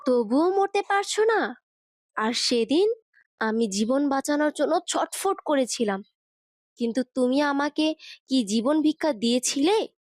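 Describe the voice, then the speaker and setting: A man's voice: extremely high pitch, lively intonation, measured pace, no room sound, clean studio sound, voice pushed up. A man voicing a bitter, vengeful female ghost who taunts and cackles in an audio story. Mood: taunting. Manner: taunting, mocking laughter.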